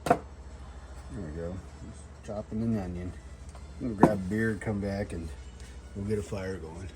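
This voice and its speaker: A lowish-voiced outdoor vlogger shows how to start a fire, chatting at a moderate pace with fairly even intonation over heavy background noise. He's a little tipsy, loose and rambling, salty-tongued and quick to poke fun at himself.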